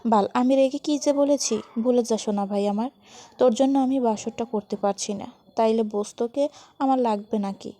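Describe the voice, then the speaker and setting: A woman reading aloud as a hot-tempered young husband who pleads and snaps in a loud, gravelly storybook voice. The tone is dark and mellow, with fry at the ends of phrases. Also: high voice, steady tone, moderate pace. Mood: pleading. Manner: pleading, then snapping angrily.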